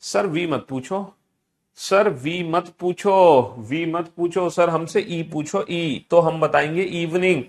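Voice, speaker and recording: A man's voice: a little high, takes it slowly. A man voicing a young male student who complains to his teacher in a pleading, whiny way. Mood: protesting.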